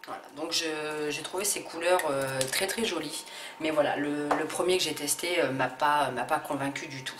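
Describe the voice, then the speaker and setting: Low-voiced woman, hesitant haul vlog. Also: moderate pace, background noise. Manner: hesitant, many fillers and restarts. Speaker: beauty vlogger. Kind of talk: casual haul video. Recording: echoey room with faint ambience.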